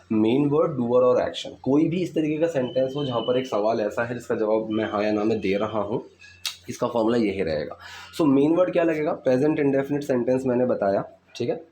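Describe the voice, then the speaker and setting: Hindi-speaking male teacher, mellow voice. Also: medium pitch, slight background noise. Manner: explains step by step, often checks with "ठीक है". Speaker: English teacher. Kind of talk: spoken English lesson explaining movie lines.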